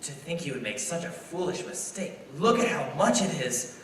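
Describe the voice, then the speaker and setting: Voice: medium pitch, sing-song, moderate pace, fairly bright tone. An actor playing a greedy, spiteful old banker with a sneering, imperious manner in a stage radio play. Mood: contemptuous. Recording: distant mic in echoey hall, faint noise.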